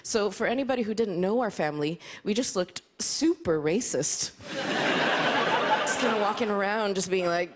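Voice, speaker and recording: A woman's voice: mid-range voice, expressive, normal speed, heavy background noise. A woman from Sweden performing a stand-up comedy set on a live stage, with a dry, self-deprecating delivery full of small hesitations. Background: faint audience laughter and applause.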